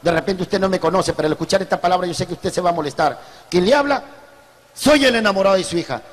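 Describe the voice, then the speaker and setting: A man's voice: high-pitched, lively intonation, quick pace, big-room sound, voice pushed down. A man with a Peruvian accent voicing a nervous young male suitor who speaks overly formally and pleads. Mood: pleading. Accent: Peruvian Spanish.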